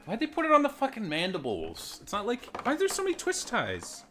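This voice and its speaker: Swinging hugely in pitch, a man talks fairly quickly in a deep, bright, forceful voice while reviewing toys. The unboxing chat is casual and rambling, with self-deprecation and offhand swearing. It is recorded through a desk microphone and a phone mic.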